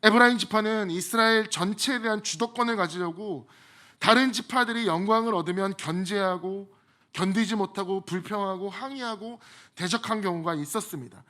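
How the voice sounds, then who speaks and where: High-voiced male pastor preaching. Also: moderate pace, sharp tone. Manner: conversational, with humorous personal asides. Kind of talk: sermon.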